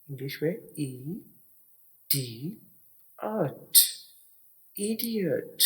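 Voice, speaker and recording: A man's voice: fairly high pitch, darkish tone. A man teaches English words by spelling them out letter by letter and patiently explaining each sound. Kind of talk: slow spelling and pronunciation lesson.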